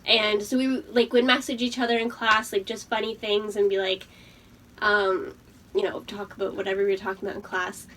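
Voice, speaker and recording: A woman's voice: medium pitch, flat delivery, brisk, fairly bright tone. A young adult woman telling a casual, sweary personal story to friends in a giggly, drunk manner. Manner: uses profanity freely. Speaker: storytime host. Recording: distant mic, faint background noise.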